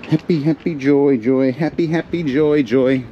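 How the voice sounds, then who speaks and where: This storage auction reseller speaks unhurriedly in a mid-range voice while digging through boxes in a metal storage container indoors. He chats to his camera, cracks jokes, and thinks out loud; the highs in the audio are cut off and there's noise in the background.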